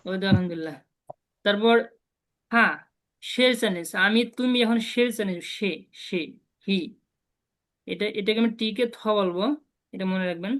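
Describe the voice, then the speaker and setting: A woman teaching a beginner Chinese lesson online, slowly drilling sounds for her students to repeat. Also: mid-range voice, a bit bright. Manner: patient, slow repetitive drilling of sounds.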